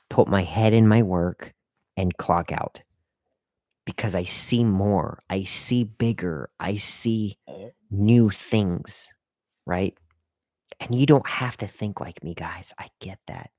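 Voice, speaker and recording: A man's voice: deep voice, a little mellow, no room sound, studio quality. A man hosting a live stream and giving casual career advice to viewers in a rambling, repetitive way, often talking straight to the chat. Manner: rambling, repeats himself, talks straight to the chat; hiccuping and burping at times.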